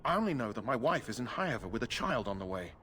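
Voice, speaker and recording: A man's voice: medium pitch, big pitch swings, fast, fairly bright tone. A man playing an anxious, protesting knight recruit in a fantasy video game, indignant and pleading.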